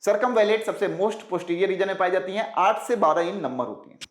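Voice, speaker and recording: Guy with a fairly high voice doing an exam-prep biology lecture, keeps asking his own questions then answering, kinda echoey room. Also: lively intonation, fast talker. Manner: rhetorical questions answered by himself; mixes English science terms into Hindi. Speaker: biology teacher.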